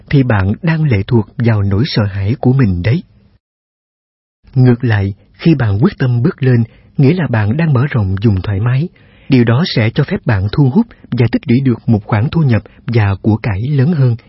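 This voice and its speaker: Husky breathy guy reading self-help stuff, steady, asks the listener questions, kinda dull lo-fi audio. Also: mid-range voice, no room sound. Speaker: narrator. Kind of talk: scripted self-help narration. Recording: dull, slightly lo-fi sound.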